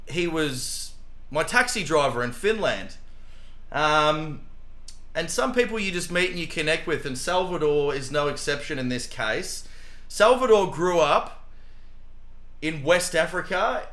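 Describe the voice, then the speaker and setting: Chatty interviewer in an echoey room. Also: male voice, a little high, animated, unhurried, bright, forceful tone. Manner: chatty, enthusiastic, many fillers. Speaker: podcast host. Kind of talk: casual interview.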